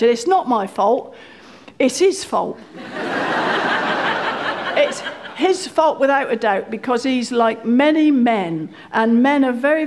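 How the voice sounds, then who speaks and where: A woman's voice: a little high, a little hiss or hum. A woman telling a wry, self-deprecating comic story live on a theatre stage. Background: audience laughter.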